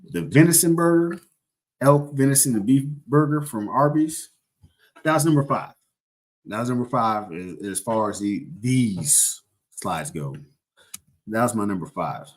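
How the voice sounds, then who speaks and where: A man's voice: mid-range voice, lively intonation, unhurried. A young man casually chatting on a livestream, rambling and joking as he corrects himself mid-sentence. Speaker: livestream host.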